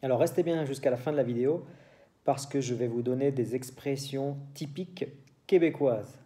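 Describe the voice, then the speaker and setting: A Frenchman with a French accent teaches a French lesson to Spanish speakers, moving between French and Spanish. He speaks slowly and explains things carefully, in a warm, medium-pitched voice.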